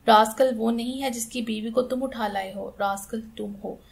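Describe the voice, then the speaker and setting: A woman's voice: fairly high pitch, fairly even intonation, normal speed, gravelly. A woman reading an audiobook, voicing a stern, furious middle-aged aunt who scolds harshly and commands.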